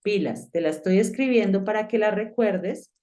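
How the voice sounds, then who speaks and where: A woman's voice: medium pitch, moderate pace, dark tone. A woman teaching an online English class, explaining step by step and putting direct questions to the student. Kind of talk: online lesson.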